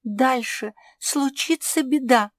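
A woman voicing an anxious little female pug who pleads in a high, urgent voice. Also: takes it slowly, no echo. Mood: anxious pleading.

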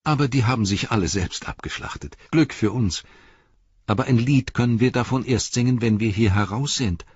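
A man's voice: mid-range voice, normal speed, a little mellow, breathy edge, no echo, lightly acted. A man reading an audiobook, voicing a loyal, plain-spoken male hobbit servant who talks earnestly and reassuringly, in a dull, dry recording.

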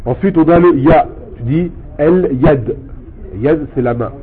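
A man teaching a language lesson, explaining patiently step by step and repeating words slowly for his student. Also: on the high side, a crowd in the background. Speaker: Arabic teacher. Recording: tinny phone-like sound with faint noise.

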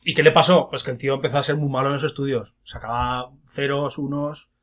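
A man's voice: mid-range voice, steady tone, quick pace, a bit bright. A man from hosting a casual film podcast, joking as he tells a story and putting on silly voices for quotes. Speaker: podcast host.

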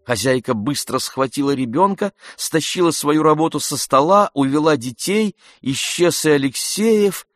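A man slowly reading a classic novel aloud as narrator, in a measured, even way. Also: mid-range voice, natural voice. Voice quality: slow, measured delivery. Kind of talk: audiobook reading.

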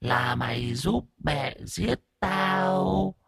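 A man voicing a vengeful ghost child speaking through a possessed young woman, slow, eerie and menacing, in a horror story. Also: high-pitched, animated, creaky, a bit bright, slightly rough, no room sound, voice pushed up, exaggerated voice.

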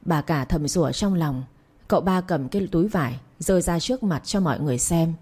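A woman narrating a story audiobook in a calm, even way. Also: low voice, fairly quick, husky.

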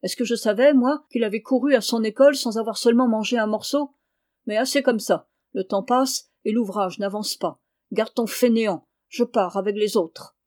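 A woman's voice: fairly high pitch, moderate pace, a little mellow, natural voice. A woman reading the part of a stern, harsh peasant father who scolds and mocks his sons. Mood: scolding. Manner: gruff, scolding, mocking.

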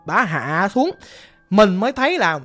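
A narrator with a Southern Vietnamese accent telling a ghost story in a casual, animated, dramatic way, speaking straight to the listener. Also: mid-range voice, measured pace. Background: faint music.

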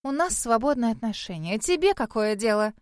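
A woman narrator puts on a spoiled, furious young woman with a shrill, high voice. She snaps and sneers at everyone. The reading is dry and close. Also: animated, fairly quick, no echo, lightly acted. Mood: angry, scornful. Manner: shrill, snapping, contemptuous.

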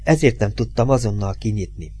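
A man reading aloud gives voice to a frightened farmer's wife, hushed and shaken. She speaks low and quietly. It is storybook narration. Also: slightly rough.

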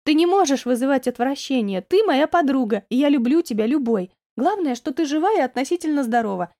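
A woman voicing a warm, teasing young woman friend who talks in a lively, affectionate way. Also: sits high, brisk.

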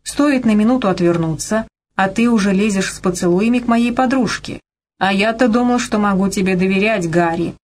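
A man's voice: sits high, brisk, lightly acted. A woman reading an audiobook and voicing a guarded, wry man in love. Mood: mock-indignant.

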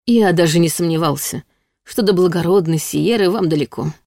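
A smug, lewd male demon from a storybook who drawls his mockery in a mock-sweet tone, as a woman reads him in her own lowish voice. The sound is close and dry. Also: moderate pace, mellow, dry recording, lightly acted. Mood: condescending.

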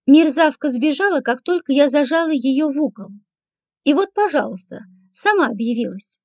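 A woman narrating a first-person audiobook in a dry, measured manner. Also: sits high, expressive, a little mellow, dry recording. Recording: dull lo-fi, dry.

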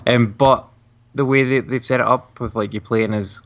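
A man's voice: medium pitch, steady tone, moderate pace. A man co-hosting a podcast, chatting casually, laughing often and repeating words as he talks. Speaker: podcast co-host.

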